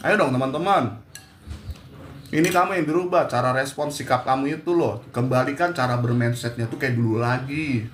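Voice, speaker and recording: A man's voice: medium pitch, moderate pace, echoey room, soft background music. A man giving a blunt, scolding motivational talk to his viewers. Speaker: anxiety motivational speaker.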